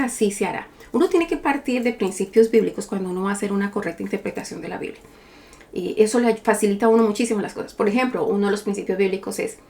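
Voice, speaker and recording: A middle-aged woman teaching a Bible study, reading scripture slowly and emphatically and posing rhetorical questions. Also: mid-range voice, a little mellow.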